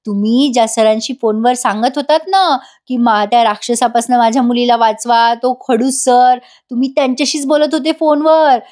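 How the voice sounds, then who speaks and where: A woman's voice: a little high, steady tone, normal speed, few pauses, a little mellow, natural voice. A woman voicing a cheerful, talkative young woman from a TV serial, speaking lightly in a slightly raised voice.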